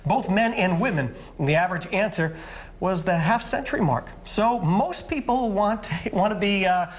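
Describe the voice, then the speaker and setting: A man's voice: sits high, moderate pace. A man in his forties co-hosting a morning TV show, chatting on a studio couch and joking by repeating himself. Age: 40s. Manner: animated, jokey, repeats himself for effect. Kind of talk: lively studio chat. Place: TV studio set, seated on couch.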